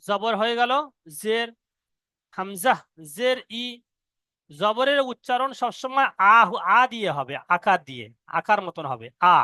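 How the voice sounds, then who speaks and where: A man teaching Quran reading to students, spelling out each letter and syllable slowly. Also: sits high, expressive, sharp tone, no room sound. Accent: Indian Bengali. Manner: slow, drawn-out syllable-by-syllable spelling. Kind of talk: spelling-out recitation lesson.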